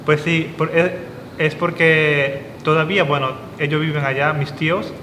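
Young man from South Korea, interview guest, thoughtful, restarts often, echoey studio, steady hum. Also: fairly high pitch, normal speed. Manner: thoughtful, with frequent restarts and fillers. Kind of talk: casual interview. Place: studio with dark curtain backdrop.

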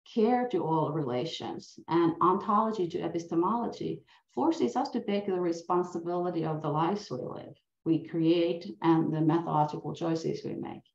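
A middle-aged university professor, a native Finnish speaker with a Finnish accent, gives an earnest, reflective academic lecture over a video call and asks many questions. Her voice sits on the low side, gravelly and darkish in tone. The laptop mic makes the call sound roomy and dull.

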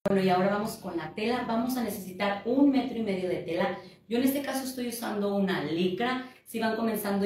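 A woman walks through a sewing tutorial step by step, patiently counting out each measurement. Her voice sits a little low, and it comes across slightly distant from the mic in a very echoey room with a faint hiss underneath. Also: darkish tone. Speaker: sewing teacher.

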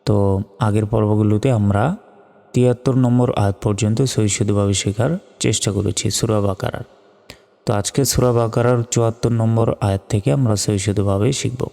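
A man's voice: lowish voice, level tone, a little fast, gravelly, dark tone, long reverb tail. A man with a Bangladeshi accent teaching Quran reading, patiently spelling out each letter and vowel mark. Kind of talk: spelled-out recitation lesson.

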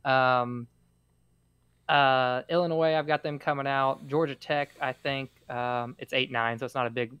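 A man's voice: medium pitch, steady tone, measured pace, smooth, no room sound. A man co-hosting a casual sports podcast who teases his co-hosts over their picks. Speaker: podcast co-host. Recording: dry, dull lo-fi mic.

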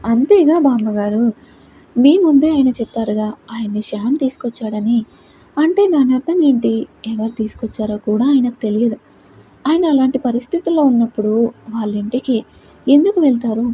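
A woman voicing a gentle young wife. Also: a little high, fairly quick, a little hiss or hum, lightly acted. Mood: earnest. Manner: respectful, reasoning aloud.

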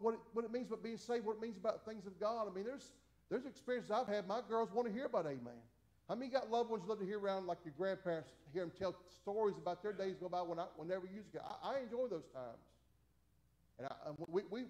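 A pastor in his forties, voice sitting high with a darkish tone, leads a Bible study at a small church. He talks in a folksy, repetitive way, stumbling into restarts and repeating "amen."

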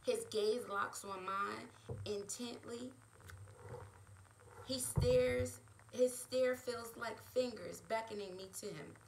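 A woman author reading her own romance novel aloud in a steady, expressive way. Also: fairly high pitch, slow, creaky, slight background noise, poor audio.

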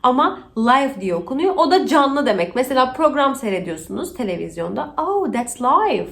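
A woman in her thirties from Turkey giving a casual, playful English pronunciation lesson, chatty and teasing with quick asides. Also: high-pitched, lively intonation, vocal fry, fairly bright tone. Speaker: English teacher.

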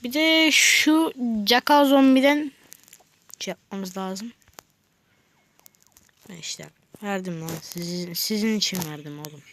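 A woman giving casual let's play commentary on a mobile game, chatting with viewers and scolding the game in slangy outbursts between quiet mutters. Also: mid-range voice. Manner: chats with viewers, drifts into mutters and whispers. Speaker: gaming video creator.

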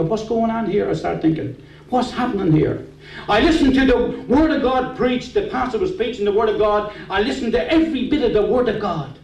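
A middle-aged Irish Traveller man with an Irish Traveller accent, giving a fervent, storytelling gospel testimony at a meeting. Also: sits high. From Ireland. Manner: fervent, storytelling, nonstandard grammar. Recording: echoey room, distant mic.

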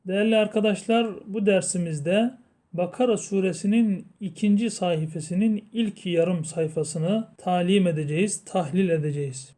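A man teaching Quran recitation rules, explaining slowly and chanting the verses long and drawn out. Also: sits high, mellow. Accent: Turkish. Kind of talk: tajweed lesson with chanted recitation.

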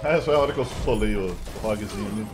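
A man with a Brazilian Portuguese accent giving excitable live gameplay commentary, shouting playful callouts and cheers. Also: on the low side, fast. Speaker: gaming YouTuber. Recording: game music playing under the voice.

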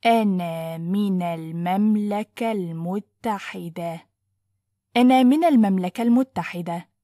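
A woman teaching pronunciation, saying phrases clearly and then breaking them word by word. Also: mid-range voice, dark tone, no echo, studio quality. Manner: clear, deliberate, splits phrases into single words. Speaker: language teacher. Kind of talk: slow word-by-word pronunciation drill.

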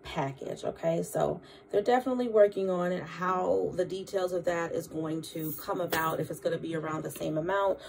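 A woman's voice: lowish voice, a little fast, gravelly, few pauses, darkish tone, slight background noise. A woman, vlogging in a chatty way and reading news articles aloud with her own asides, often checking in with listeners. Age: 30s. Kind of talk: casual news commentary vlog.

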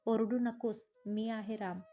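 A woman voicing a rich, arrogant young man who is quick to anger, with a commanding way of talking in a narrated romance story. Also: a little high, flat delivery, soft background music, lightly acted. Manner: commanding and forceful.

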